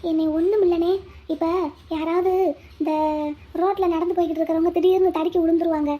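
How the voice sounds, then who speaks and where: Cartoon lead: a scheming young village woman, very high voice, muttering plans to herself. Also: little pitch movement, fairly quick, narrow, tinny audio. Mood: coaxing. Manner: talks to herself, pleading and coaxing. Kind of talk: cartoon voice acting, inner monologue and dialogue.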